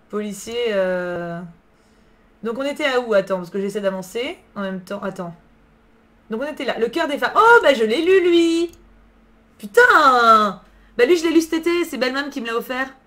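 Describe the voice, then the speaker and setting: A woman's voice: a little high, fairly bright tone. A woman streaming live, chatting casually about books, answering her chat and swearing freely in slang. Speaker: book streamer.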